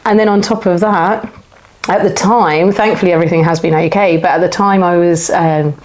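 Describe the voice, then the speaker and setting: A woman in her forties, appearing as a guest on an interview show, tells her personal story candidly and reflectively in short, flowing phrases. Her voice is fairly low and darkish, with fairly even intonation and a slightly fast pace.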